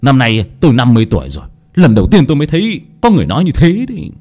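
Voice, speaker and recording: A man voicing a gossipy, superstitious fifty-year-old villager who talks quickly. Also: mid-range voice, huge pitch swings, a little mellow, pitched above the performer's own voice. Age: 50s.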